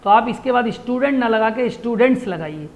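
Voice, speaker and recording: A male teacher giving an exam-prep grammar lesson, translating phrase by phrase and quizzing listeners with quick rhetorical questions. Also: very high voice, lively intonation.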